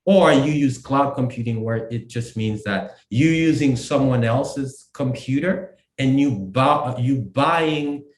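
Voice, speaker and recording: An adult Haitian man, co-founder of a company, explains his work in a casual interview. He speaks haltingly at a medium pitch, with many fillers and restarts, and the audio sounds roomy.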